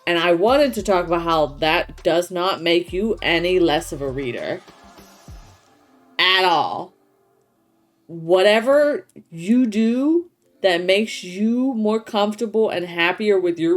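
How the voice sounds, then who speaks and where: A woman's voice: on the low side, animated, slow pace, faint music behind. A woman co-hosting a casual chat show, explaining things informally as she thinks aloud. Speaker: podcast co-host.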